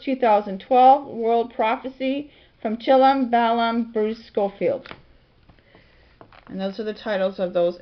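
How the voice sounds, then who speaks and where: Soft-spoken woman vlogging, lo-fi recording. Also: fairly high pitch. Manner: soft-spoken, quiet delivery; reads lists of titles and dates. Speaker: blogger. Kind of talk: casual vlog talk. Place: small home office. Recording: dull lo-fi home recording.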